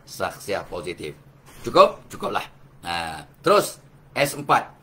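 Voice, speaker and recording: A man's voice: sits low, wildly swooping pitch, measured pace, bright, forceful tone, slightly rough. An older man with a Malaysian Malay accent, giving a religious motivational lecture full of rhetorical questions and chuckles. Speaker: motivational speaker.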